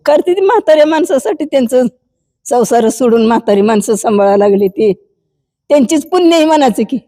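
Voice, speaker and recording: A woman's voice: high voice, animated, fairly quick, mellow, dry recording, studio quality. An elderly woman, crying as she tells an interviewer about her hard life in an old age home. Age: older. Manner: tearful, pleading rural speech. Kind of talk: emotional interview testimony.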